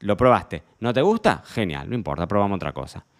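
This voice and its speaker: Argentine guy rambling on his podcast, lowish voice, loud, jokey, lots of ums. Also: expressive, fairly quick. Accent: Argentine Spanish. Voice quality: talks fairly loud. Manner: chatty, joking, lots of fillers and restarts. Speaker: sommelier and podcast host. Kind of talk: casual monologue podcast.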